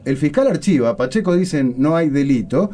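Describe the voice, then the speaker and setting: A radio host talks in an excitable, jokey way. His voice is high and swings widely in pitch. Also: moderate pace. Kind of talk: radio interview.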